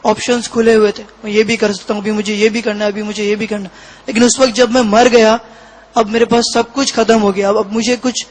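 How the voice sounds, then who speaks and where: A man with a fairly high voice recounts his own experience as an interview guest. He speaks in a flat, level tone, pausing often and searching for words between short phrases. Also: rough recording. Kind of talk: personal testimony.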